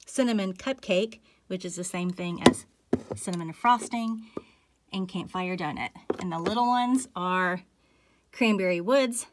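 A woman's voice: fairly low pitch, measured pace, heavy background noise. A woman, chatting casually in a vlog and reading off a long list of items one after another, a little out of breath. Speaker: candle collection vlogger. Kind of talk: casual chat, listing items.

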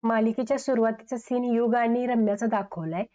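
A woman reviewing a TV serial who retells an episode in a steady recap narration. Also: on the high side, a little fast. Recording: dull lo-fi recording.

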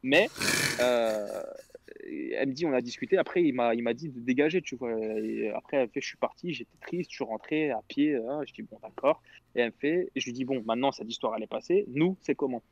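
A man's voice: medium pitch, brisk, muffled recording, slight background noise. A young man telling a long story in casual slangy chat on a radio show, quoting others as he goes. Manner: rambling, slangy, quotes others.

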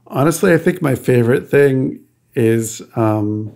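Podcast co-host, male, gravelly voice, chatty and hesitant. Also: medium pitch, lively intonation, a little slow, a little mellow. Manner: chatty, hesitant, with restarts and laughs. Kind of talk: casual chat.

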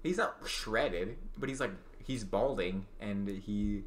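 A man's voice: fairly low pitch, a little hiss or hum. A man co-hosting a game playthrough in casual, joking chat. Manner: joking, animated, quick banter with laughs.

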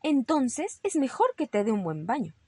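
A woman's voice: high voice, sing-song, a little mellow, husky, no echo, voice pushed up, full character voice. A woman voicing a bossy mother rabbit, firm and scolding, in a storybook read-aloud. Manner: firm and scolding, quick to alarm.

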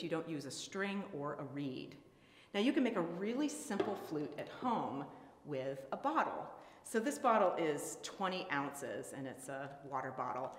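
A low-voiced woman with a very lively, animated delivery explains things with playful enthusiasm. Her voice rings out in an echoey space with a long reverb tail. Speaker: flutist and museum presenter. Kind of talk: educational presentation.

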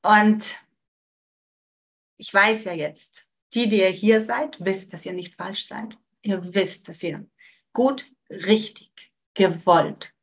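Slow and mid-range in pitch, this manifestation coach delivers a motivational talk to her listeners. Her delivery is emphatic and repetitive, with sentence endings fading softly away.

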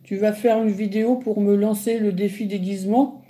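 A woman's voice: mid-range voice, fairly even intonation, normal speed, mellow, slight background noise. A middle-aged woman chatting casually on a phone livestream, answering viewers with lots of hesitant fillers. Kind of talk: casual live chat reading comments.

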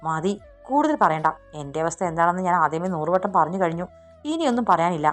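Brief: woman as a feisty young heroine, pleading then defiant, lowish voice, soft music. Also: very animated, fast talker. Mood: hurt, defiant. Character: spirited young woman employee.

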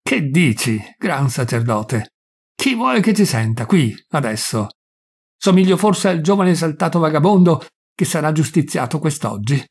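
A weary, menacing Roman governor, put on by a man reading the story aloud. The husky voice drags out its warnings slowly, then flares into scornful threats. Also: fairly high pitch, big pitch swings, full character voice. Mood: mocking menace.

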